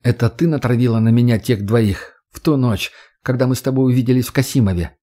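A man voicing a blunt, sulky young swordsman in an audiobook, answering curtly and gruffly. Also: mid-range voice, fairly quick, mellow, close to an everyday voice. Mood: sullen.

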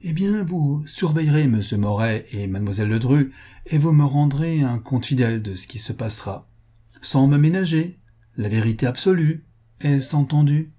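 A man's voice: mid-range voice, lively intonation, normal speed, dark tone, close to an everyday voice. A man reading an audiobook, voicing a shrewd and insistent young kept woman who presses and pleads. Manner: pleading, commanding.

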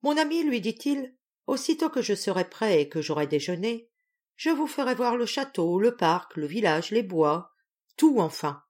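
A woman's voice: medium pitch, big pitch swings, normal speed, a little mellow, voice pushed up. A woman voicing a proud, touchy old general of sixty-three who barks orders in an audiobook reading. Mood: blustering. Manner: gruff, touchy, commanding.

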